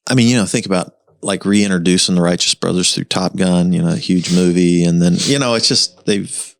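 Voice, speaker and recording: A man hosting a podcast interview in casual chat, halting with frequent restarts. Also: deep voice, gravelly, no room sound. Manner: halting, with many restarts and "you know". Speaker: podcast host.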